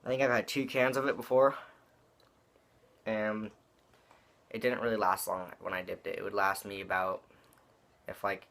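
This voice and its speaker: Young male reviewer, low register, slangy and meandering, speaking around a wad of chewing tobacco. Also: flat delivery, normal speed, vocal fry, pauses often, a bit bright. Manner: rambling, slangy and profane. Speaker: product reviewer. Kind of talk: casual review talk.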